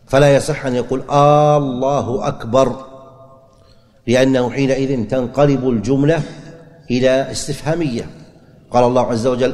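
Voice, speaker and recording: Male religious teacher, mid-pitched, methodical and repetitive delivery, long hall reverb. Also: darkish tone. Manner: deliberate explaining, repeats key phrases, asks and answers his own questions. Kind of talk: classroom lecture on religious rulings.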